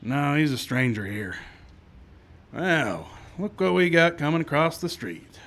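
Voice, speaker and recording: A man playing a calm, skeptical frontier marshal in a live radio western, measured, dry and authoritative. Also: fairly high pitch, full character voice. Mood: wary. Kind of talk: live old-time radio western acting.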